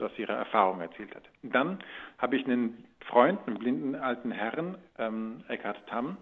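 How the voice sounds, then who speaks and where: This interview guest, an actor and radio drama producer, has a mid-range voice with a breathy edge. His answers are informal, conversational and rambling, and the audio sounds narrow-band, like a phone.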